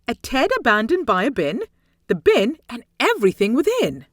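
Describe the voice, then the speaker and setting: A high-voiced woman, a storybook reader, recites a rhyming children's tale with careful phrasing and dramatic stress. Her pitch rises and falls in huge swings. The recording is close and dry.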